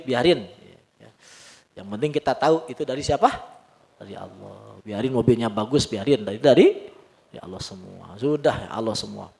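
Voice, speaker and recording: A middle-aged man with a Sundanese accent leading an informal Islamic study lecture, reading Arabic and explaining it in a lively, joking way. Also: medium pitch, gravelly.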